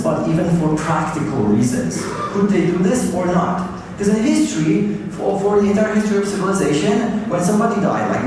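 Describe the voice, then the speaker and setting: A man from Poland giving a keynote conference talk, chatting casually with many fillers and "like". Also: a little high. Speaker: keynote speaker. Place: large conference hall. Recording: distant, echoey hall with noise.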